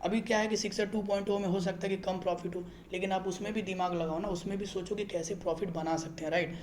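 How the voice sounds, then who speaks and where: Quick-paced and chatty, a man explains a trading app in a casual screen-recorded video, repeatedly checking in to confirm viewers follow. His high voice holds a steady, darkish tone, and the recording has reverb and a bit of background noise.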